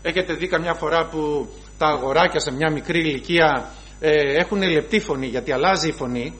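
Deep-voiced priest preaching a sermon. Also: male voice, a bit bright, low-quality recording. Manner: slow emphatic preaching with rhetorical questions.

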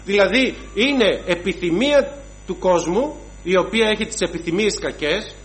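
A man's voice: high voice, low-quality recording. A man preaching a sermon to his congregation, emphatic and rhythmic, listing sins one after another and calling the listeners brothers.

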